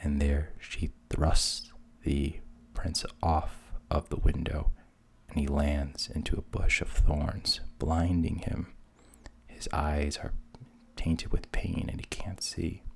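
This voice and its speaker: Gravelly, very deep-voiced male storyteller. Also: takes it slowly. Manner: wry, deadpan asides. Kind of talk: fairy tale narration, often half-whispered.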